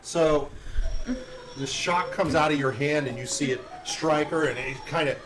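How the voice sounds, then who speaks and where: A man's voice: on the high side, measured pace, rough recording. A man working as game master, narrating a tabletop game in a casual, conversational way. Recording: loud background noise, room ambience.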